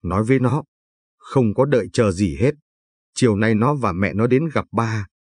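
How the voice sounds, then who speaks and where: A man's voice: fairly low pitch, lively intonation, normal speed, darkish tone, husky, dry recording, studio quality. A man reading the lines of a stern, grieving older father in a spoken story. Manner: stern, scolding.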